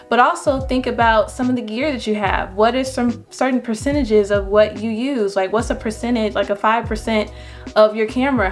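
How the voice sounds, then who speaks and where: A young adult woman photographer giving casual, encouraging business advice to viewers, with lively jumps in pitch when she stresses a point. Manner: chatty and encouraging, animated pitch jumps on emphasis.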